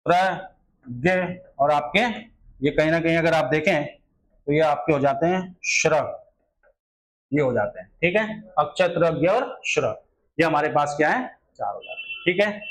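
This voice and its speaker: A man with a fairly high voice talks through a grammar lesson aimed at exam preparation. He explains every answer step by step, keeps circling back with rhetorical questions and repeats his key points. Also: huge pitch swings, normal speed, rough recording. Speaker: teacher.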